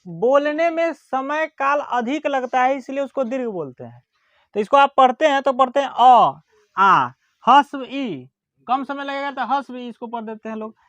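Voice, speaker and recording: A teacher giving a grammar lesson, dictating definitions slowly, repeating words and checking that students follow. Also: high-pitched, no echo, lo-fi sound. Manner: slow and deliberate, repeats words and checks understanding; drawls vowels aloud as examples.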